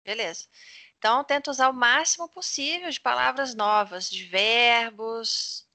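Brazilian woman English teacher on a video call, bright and slightly high, dry close sound, encouraging coach. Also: a little slow, no room sound. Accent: Brazilian Portuguese. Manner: encouraging, coaching pronunciation, switching between English and Portuguese. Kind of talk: online English lesson.

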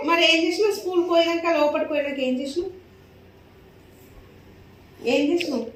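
A mother gently coaxing her child with short, repeated questions in casual home chat. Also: very high-pitched, fairly quick. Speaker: mother and vlogger. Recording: roomy, noisy home recording from off-mic.

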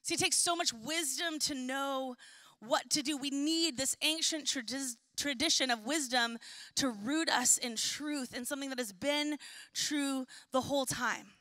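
A young woman preaches with a high, bright voice, loud and energetic, tossing in casual jokes between points. Her voice is recorded close and dry. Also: unhurried, no echo. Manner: energetic, loud and chatty with playful asides. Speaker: pastor. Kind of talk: sermon. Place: church auditorium.

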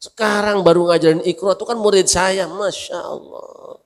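A man preaches to a congregation in a fairly high voice. He tells stories and acts out the voices in them, joking with the listeners as he goes. The long reverb of a mosque hall trails behind every phrase. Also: a little fast. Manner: lively storytelling, acting out quoted voices, joking with the audience. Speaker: kyai preacher.

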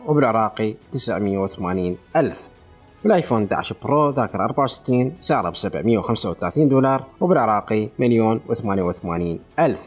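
A man with an Iraqi accent rattles through a list of prices at a very fast clip. His voice is slightly husky and sits at a medium pitch. Faint music plays underneath. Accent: Iraqi Arabic. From Iraq. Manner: rapid, listing figures in a steady run. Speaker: tech channel host. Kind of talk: reading out price lists.

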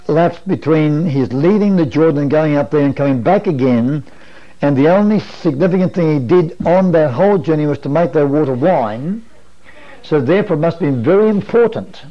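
A man in his sixties teaching a Bible study in a sermon style, earnest and explanatory, asking rhetorical questions, in a wood-panelled meeting room. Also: a little high. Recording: dull lo-fi 1980s video recording.

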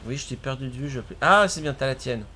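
A man's voice: medium pitch, quick pace, bright, forceful tone, slight background noise. A man streaming a video game with his cousin, chatting casually, exclaiming at the action and laughing often. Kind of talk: casual gaming commentary.

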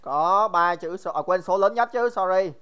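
Joking young male math teacher, smooth voice. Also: high-pitched, moderate pace, a bit bright. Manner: joking, teasing students by name; chatty, repeats phrases, laughs often. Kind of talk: casual livestream review lesson.

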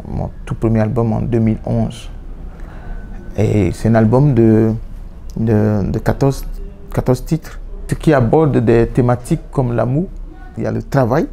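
Seated on a sofa in an indoor room, a musician in his thirties whose first language is Yoruba gives reflective interview answers, often restarting and repeating words. His voice is medium in pitch, creaky, and dark in tone.

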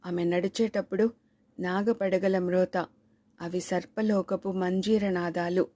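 A woman narrating a suspense novel in a steady, measured reading voice. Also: lowish voice. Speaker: audiobook narrator.

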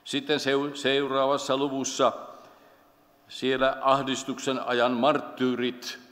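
A man preaching a solemn, measured sermon in a church, slowing down when he quotes scripture. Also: mid-range voice, monotone, fairly bright tone. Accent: Finnish. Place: church sanctuary. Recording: long church hall reverb.

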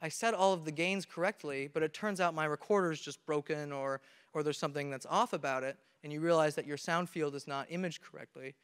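This young man talks a little fast in a slightly high, smooth voice with a fairly bright tone. Using a handheld mic, he gives an earnest, step-by-step technical presentation with frequent sentence restarts before an audience in a large conference hall, recorded by a camera amid strong reverb.

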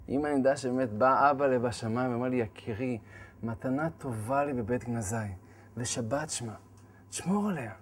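A man, a rabbi, giving a humorous sermon, acting out scenes with laughter and shouted lines. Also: medium pitch.

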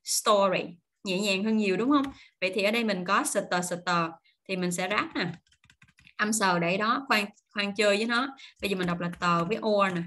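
A woman's voice: mid-range voice, a bit bright. Chatty woman teaching pronunciation. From Vietnam. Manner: slow, drawn-out model words, then quick chatty explanations. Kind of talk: online pronunciation lesson.

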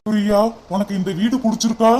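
A man's voice: high voice, level tone, fast, mellow, lightly acted. A man voicing a doting young cartoon husband who is affectionate and teasing, with a Tirunelveli Tamil accent. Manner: affectionate, reassuring.

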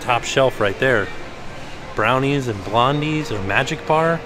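In an unhurried, medium-pitched voice over background music, a vlogger gives a chatty walking tour of a resort. Filming handheld, he muses curiously as he passes through the indoor restaurant hall and the outdoor grounds.

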